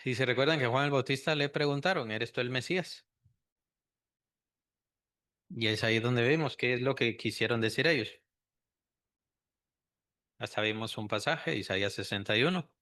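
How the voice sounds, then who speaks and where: A man's voice: medium pitch, moderate pace, pauses often, sharp tone. A man teaching a Sunday school Bible lesson, asking the class questions and repeating key phrases.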